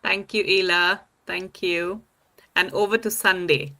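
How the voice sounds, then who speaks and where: Bright, upbeat woman hosting a panel. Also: lowish voice, fairly even intonation, measured pace. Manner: upbeat, welcoming. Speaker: host of an online panel. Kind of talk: live-stream panel hosting. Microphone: video call.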